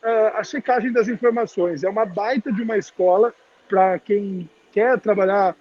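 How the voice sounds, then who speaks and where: A man's voice: sits high, moderate pace. A man of about thirty, talking informally about his career through a face mask that muffles his voice. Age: around 30. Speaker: guest speaker, TV journalist. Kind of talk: informal career talk to students. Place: public place, on a video call. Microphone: video call. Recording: dull, muffled call audio.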